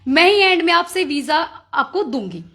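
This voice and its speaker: A young woman with a Haryanvi accent, a visa consultant pitching her services confidently in an interview. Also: very animated, normal speed, a bit bright. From Haryana, India. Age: young adult. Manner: assertive, confident sales pitch.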